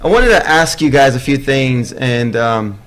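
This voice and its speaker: A man's voice: medium pitch, expressive, measured pace, low-quality recording. Hype, laid-back male podcast host. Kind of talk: casual podcast interview. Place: Houston.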